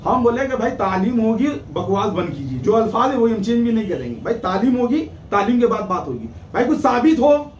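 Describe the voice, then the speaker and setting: A man, a cleric, giving an agitated eyewitness account to a reporter, fast and indignant, acting out the exchanges he quotes. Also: sits high, sing-song, lo-fi sound, a little hiss or hum. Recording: echoey, distant mic with faint ambience.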